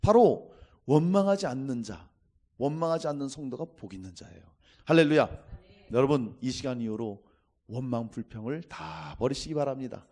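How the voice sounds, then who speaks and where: A man's voice: medium pitch, lively intonation, normal speed, darkish tone. A man preaching a Sunday sermon as pastor, emphatic and exhorting his congregation again and again.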